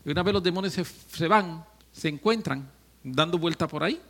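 A man preaching a sermon as pastor, swinging from hushed, slow stretches to loud, joking outbursts. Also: a little high, creaky, slightly rough.

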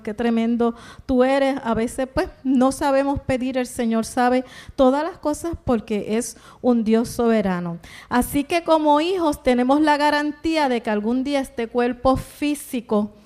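Middle-aged woman preacher, high-pitched, earnest testimony style. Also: darkish tone. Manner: earnest, testimony-driven, acts out quoted dialogue. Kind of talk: sermon.

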